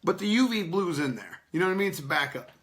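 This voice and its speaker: Bright-voiced rambling podcast host, a man. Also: high-pitched, lively intonation, quick pace. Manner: loose, rambling and profane, laughing often. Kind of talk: unscripted casual chat with live chat readers.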